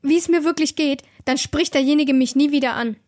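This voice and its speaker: A woman's voice: high voice, a little fast, a little mellow. A young woman co-hosting a podcast, chatting casually and telling a story with lots of fillers and restarts. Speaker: podcast co-host. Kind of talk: casual chat.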